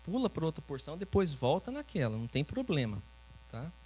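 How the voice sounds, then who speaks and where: The audio is poor, with a faint mains hum, as a man with a slightly high, mellow, very animated voice preaches a little fast. As pastor he teaches in a chatty way, interacting with the congregation, checking in often and tagging phrases with "né?".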